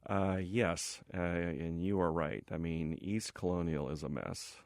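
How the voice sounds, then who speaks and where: Middle-aged man, low-pitched, dry studio sound; conciliatory, conversational interviewee thinking aloud. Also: fairly even intonation, measured pace, darkish tone, no room sound. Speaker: property developer being interviewed. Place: radio station studio.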